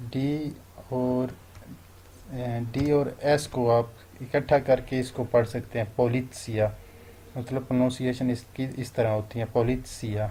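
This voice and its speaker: A man with a Pakistani Urdu accent teaches phrases in a flat, even tone. His voice is mellow and dark, and he slows right down to stress each foreign phrase. Faint background noise sits behind him. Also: mid-range voice. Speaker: language teacher. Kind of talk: explaining phrases step by step.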